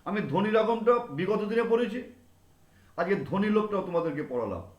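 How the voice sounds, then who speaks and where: A man's voice: high-pitched, big pitch swings, fast, darkish tone, muffled recording. A male teacher giving a classroom grammar lesson, repeating example words over and over to drill them in. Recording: echoey room.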